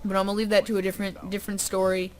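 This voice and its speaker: A woman's voice: medium pitch, level tone, very fast, soft background music. A young woman vlogger telling a story casually to camera, full of "um" and "like" fillers, with dry sarcastic asides.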